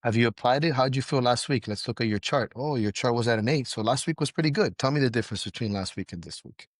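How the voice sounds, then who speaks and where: A man who owns a gym and coaches, talking in a casual podcast interview, blunt and profane and quick to laugh. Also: medium pitch, dry recording, clean studio sound.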